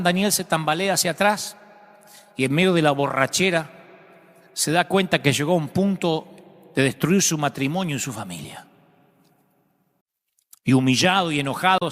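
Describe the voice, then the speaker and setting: A man preaching a storytelling sermon, impassioned, swinging from dramatic rises to hushed drops. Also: fairly high pitch. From Argentina. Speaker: pastor. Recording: long reverb of a large hall.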